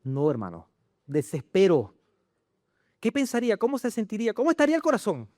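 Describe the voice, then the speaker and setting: A man preaching a sermon in church, animated and full of rhetorical questions to the congregation. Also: sits high, a little fast, no room sound, studio quality. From Chile. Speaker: pastor.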